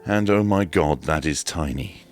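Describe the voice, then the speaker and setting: A British man with an expressive bass voice and darkish tone talks at a measured pace through a relaxed unboxing and demonstration, offering hands-on commentary for a product review. There is faint music behind.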